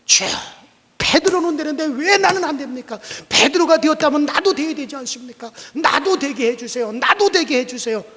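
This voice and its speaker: A male preacher voicing a stubborn, fervent pastor who prays and commands loudly, repeating his pleas. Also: very high-pitched, animated, normal speed, voice pushed up. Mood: pleading prayer. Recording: long church reverb.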